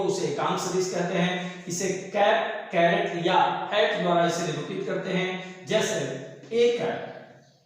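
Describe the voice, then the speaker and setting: A man teaching a physics class, repeating each point and asking it back to the students as a question. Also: sits high. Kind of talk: classroom lecture. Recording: echoey room with long reverb.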